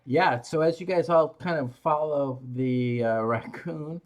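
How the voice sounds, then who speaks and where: A game master narrating a tabletop game in a halting way, pausing between phrases. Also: medium pitch.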